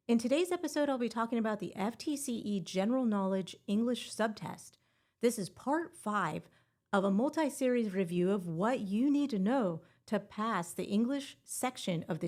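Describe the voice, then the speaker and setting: A woman's voice: medium pitch, darkish tone. A woman hosting a scripted exam-prep podcast and teaching grammar in a playful, upbeat way with puns.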